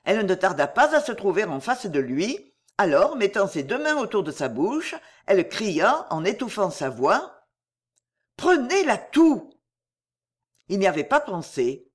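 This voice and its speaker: Lively, expressive storybook narrator. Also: medium pitch, normal speed. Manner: lively, expressive read-aloud delivery. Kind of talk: storybook reading.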